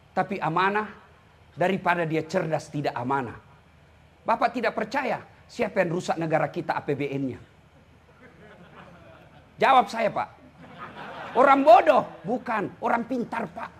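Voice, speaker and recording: Male preacher, Makassar Indonesian accent, very high and forceful voice, joking and scolding from the pulpit. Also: husky. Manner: teasing, scolding the audience with jokes. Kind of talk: lively Islamic sermon.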